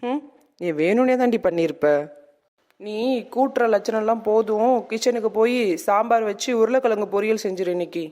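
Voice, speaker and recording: A woman's voice: a little high, fairly quick, warm tone, close to an everyday voice. A woman acting a stern, domineering mother-in-law who scolds in a comic skit. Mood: scolding.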